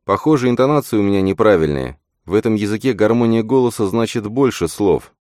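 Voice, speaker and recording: A man's voice: lowish voice, expressive, brisk, darkish tone, no room sound, studio quality, pitched above the performer's own voice, lightly acted. A man voicing a young prince who speaks in a wry, self-mocking way. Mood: explaining. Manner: wry, sardonic.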